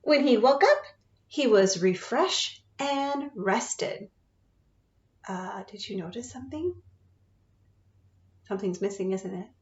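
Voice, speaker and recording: A woman teacher reading a picture book aloud to children, expressive and often asking them questions. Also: mid-range voice, takes it slowly, long pauses, roomy sound. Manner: expressive, asks listeners questions. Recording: dull lo-fi sound.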